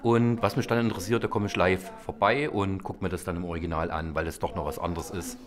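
A man's voice: deep voice, fairly even intonation, fast, soft background music. A man talking casually in an interview as a customer. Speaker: auction visitor and bidder.

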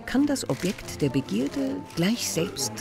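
A woman's voice: medium pitch, big pitch swings, slow pace, creaky, music in the background. A woman reading scripted narration for a television documentary report.

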